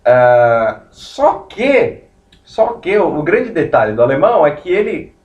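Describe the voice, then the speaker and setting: A man's voice: on the high side, sing-song, takes it slowly, a little mellow. A man giving a law lecture, explaining step by step with many digressions as he writes on a board. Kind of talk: recorded classroom lecture. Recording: roomy, distant, muffled lecture recording.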